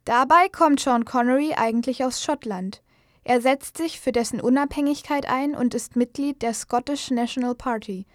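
A woman's voice: high voice, normal speed, faint music behind. A woman reading scripted biographical news narration as a voice-over. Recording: dry studio voice-over.

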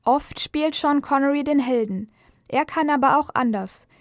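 Female narrator, slightly high voice, scripted news feature, dry studio sound. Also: normal speed, no echo, faint music behind.

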